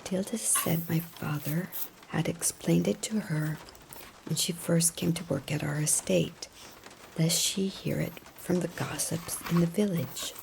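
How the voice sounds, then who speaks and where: Woman, soft ASMR whisper close to the ear, slow and soothing, low and grainy. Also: fairly even intonation, vocal fry, a little hiss or hum, poor audio. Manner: soft unvoiced whisper throughout. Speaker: ASMR storyteller. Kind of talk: whispered ASMR bedtime story and roleplay. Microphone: close mic, whispering near the ear.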